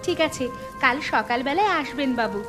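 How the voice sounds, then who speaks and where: A woman's voice: sits high, lively intonation, normal speed, music in the background. A woman voicing an earnest, caring young village woman in a cartoon, with a respectful manner. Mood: caring, polite. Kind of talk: cartoon voice acting.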